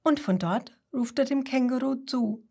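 A woman reads a rhyming children's story, with a voice sitting a little high. Her pace is slow and gentle, and she sometimes drops to a hush for effect. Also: expressive. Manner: gentle, slow, rhyming delivery, with occasional hushed asides. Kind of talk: children's bedtime story reading.

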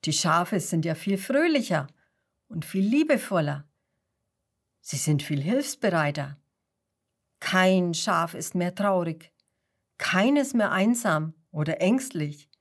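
A woman voicing a puzzled male shepherd in a children's story, speaking low and wondering aloud. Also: lively intonation, takes it slowly, pauses often, heavily acted. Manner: lowered voice, wondering questions.

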